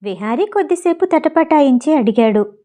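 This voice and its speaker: A woman's voice: sits high, lively intonation, normal speed, dark tone. A woman reading a novel aloud as an audiobook narrator, voicing the characters in her own voice.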